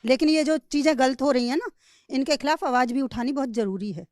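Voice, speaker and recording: A woman's voice: high voice, fairly quick, darkish tone, dry recording, studio quality. Bold, outspoken woman. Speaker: interviewee, neighbor; housewife. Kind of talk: casual interview chat.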